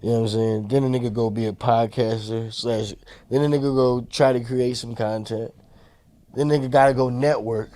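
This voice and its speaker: A man's voice: mid-range voice, normal speed, dry recording. Young man, late twenties, podcast co-host, loose slangy talk, dry sound. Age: 20s. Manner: loose slangy talk, animated when joking. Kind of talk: casual chat.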